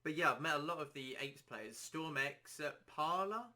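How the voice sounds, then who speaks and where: Bright-voiced man rambling about gaming. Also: on the high side, expressive, normal speed. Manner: rambling, self-deprecating, easygoing. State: dry throat, slightly hoarse. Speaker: podcast host. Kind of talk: casual solo podcast chat.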